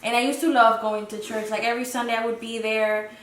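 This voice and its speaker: A young Dominican woman in her twenties, guesting on a podcast, talks fast in a fairly bright, somewhat high voice with little pitch movement. She sounds hesitant and reflective, filling the casual interview chat with many fillers. The mic sits at a distance in a roomy, echoey space with faint noise.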